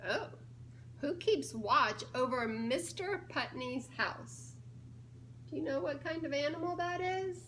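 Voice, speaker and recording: During a children's story time, a woman who directs a children's ministry reads a picture book slowly, in a high, slightly bright voice with lively intonation. She giggles and playfully urges the young listeners to guess answers, over a little hiss or hum.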